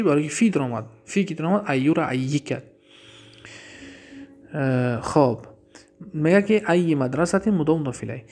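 A man with a Tajik accent teaching Arabic grammar in a class, reading each example slowly and then explaining it. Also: on the high side, gravelly.

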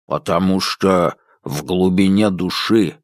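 A lumbering old household robot, put on by a male reader, speaks in a low, dragging, deadpan rumble. Earnest and faintly pompous. Dry, close recording. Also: no echo. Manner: slow, flat, self-important.

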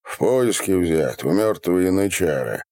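A man voicing a calm, plain-spoken Cossack who answers without boasting in an audiobook. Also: on the low side, unhurried, no room sound, clean studio sound. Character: calm middle-aged Cossack, steady and unboastful. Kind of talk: audiobook character reading.

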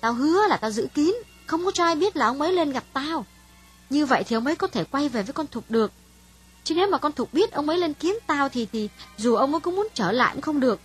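A frank worldly young woman, husky, high and lively, soft music behind. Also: quick pace. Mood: earnest, candid. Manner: frank, dismissive storytelling. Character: calm, worldly young Vietnamese woman, older sister.

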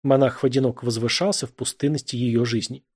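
Husky male audiobook narrator. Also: mid-range voice, fairly even intonation, fast, darkish tone. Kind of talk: audiobook narration of literary prose.

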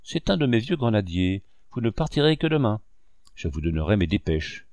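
A commanding old marshal barks short orders, as a man reads him aloud. The voice sits low and is heard in a dry, close recording. It stays brisk and to the point. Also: very animated, darkish tone, no echo. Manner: terse orders.

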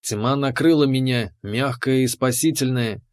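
A man's voice: medium pitch, a little slow, darkish tone. A man narrating a first-person space adventure audiobook in a tense, dramatic way.

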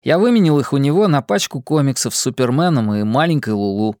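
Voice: medium pitch, expressive, quick pace, a little mellow, no room sound, clean studio sound, close to an everyday voice. A reader voicing a cautious, uneasy boy who asks hesitant questions.

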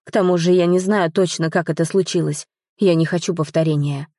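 A woman reading the lines of a young man, a tender, guilt-ridden lover, in a soft, pleading, earnest way. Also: on the low side, steady tone, fairly quick, no room sound, clean studio sound, close to an everyday voice.

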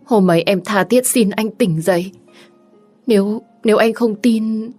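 A woman's voice: medium pitch, a little slow, warm tone, faint music behind, voice pushed up, natural voice. A woman voicing a young woman heroine who pleads through tears in an audio story. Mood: tearful pleading.

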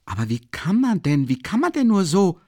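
An excitable young friend, earnest and worried, talking fast in a raised, lively voice, as a male narrator voices him. The sound is close and dry. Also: medium pitch, dry recording, pitched above the performer's own voice, lightly acted. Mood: agitated. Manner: agitated, quick and earnest.

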